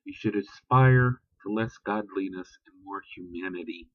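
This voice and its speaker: Slow, blunt, profane man ranting. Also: sits low, dry recording, phone-quality sound. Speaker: vlogger. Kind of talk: casual spoken rant.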